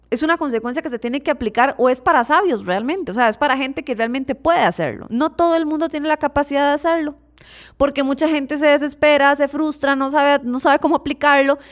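Emphatic woman giving parenting advice. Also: high-pitched. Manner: emphatic, repeats words for stress, addresses listeners directly. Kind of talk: direct-to-audience advice talk.

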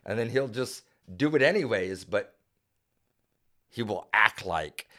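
Man, podcast co-host, lively swooping delivery, casual banter, acts out friends' lines. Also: unhurried. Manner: animated, mimics others with big pitch swings. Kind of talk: casual group chat.

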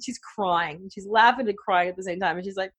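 A middle-aged woman chatting on a radio talk show. She tells family stories in a loose, rambling way, full of fillers. Her voice sits at an ordinary middle pitch. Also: a little fast, fairly bright tone, breathy edge. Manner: chatty, storytelling, many fillers. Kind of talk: casual chat.

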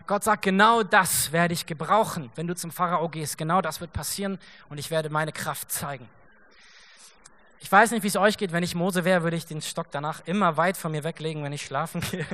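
A young man preaches from a church stage, his high voice bright and forward. He tells the story with energy, slips into short acted quotes and laughs along with the room. The delivery is casual and direct, as if talking to friends. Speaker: pastor. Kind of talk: sermon.

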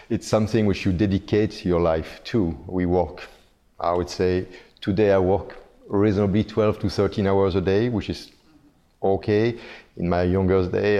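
A Belgian-born chef in his fifties is interviewed conversationally, his voice low and dark in tone. He speaks hesitantly, often repeating words while searching for the right phrasing.

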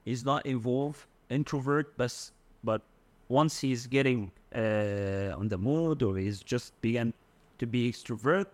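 A man with an Egyptian Arabic accent, explaining word meanings in a conversational language lesson, in halting, piecemeal phrases. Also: medium pitch, dry recording. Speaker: Arabic dialect co-teacher.

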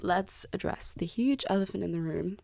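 Low, mellow young woman podcaster. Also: normal speed, creaky, dry recording. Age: early 20s. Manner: candid, apologetic, self-deprecating. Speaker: podcast host. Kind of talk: confessional solo podcast talk. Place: bedroom. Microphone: close podcast microphone.

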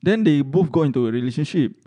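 Casual male podcast storyteller, mellow voice, Malaysian-Singaporean accent and slangy English peppered with lah and sia, swears freely. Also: fairly high pitch, fast talker. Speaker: podcast co-host.

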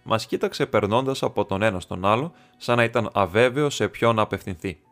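Male audiobook narrator, steady delivery, low voice, soft music underneath. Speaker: audiobook reader.

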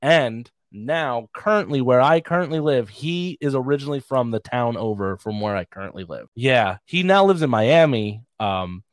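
A man's voice: medium pitch, animated, moderate pace, hardly any pauses, no room sound. A man, a comedian, telling rambling, self-deprecating stories in a casual podcast chat. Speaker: comedian guest.

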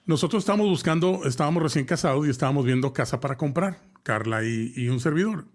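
Co-hosting a live talk show, a man with a high-leaning, expressive voice talks fast as he casually tells a horror story. He rambles with plenty of fillers and restarts, chatting with his co-host directly and tossing in slang.

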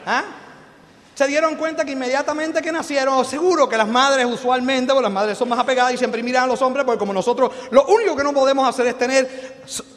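A middle-aged man with a Puerto Rican accent gives an animated, joking motivational business talk and keeps firing questions at the audience. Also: extremely high pitch, brisk. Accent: Puerto Rican Spanish. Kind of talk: live motivational seminar talk. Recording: long hall reverb.

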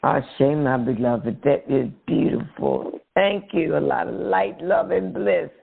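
Gravelly-voiced man on a phone line. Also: fairly high pitch, lively intonation, a little hiss or hum. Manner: blessing, effusive, slow. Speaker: featured guest. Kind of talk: spiritual phone call chat.

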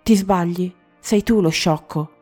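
A woman's voice: on the low side, steady tone, moderate pace, gravelly, darkish tone, soft background music. Woman reading a grieving, determined prince. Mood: earnest. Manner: earnest, emotional.

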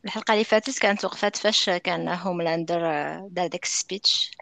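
A man with a Moroccan accent hosting a casual TV recap, speaking in halting phrases with pauses. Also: sits high, fairly even intonation, creaky, sharp tone. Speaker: podcast host.

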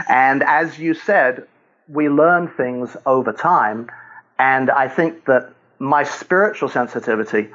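An older man speaks as a guest on a faith talk show, walking through his points one by one. He tells short stories and chuckles as he goes. His voice sits at an ordinary pitch and comes through dull, lo-fi audio. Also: takes it slowly, a bit bright. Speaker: guest author.

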